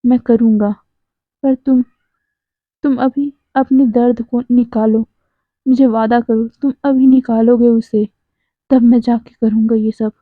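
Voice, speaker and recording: Woman voicing a calm, consoling young man. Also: fairly high pitch, unhurried, pauses often, no room sound. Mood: soothing. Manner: soft, soothing, firm. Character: calm young man gently consoling his crying partner. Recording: tinny phone-like sound.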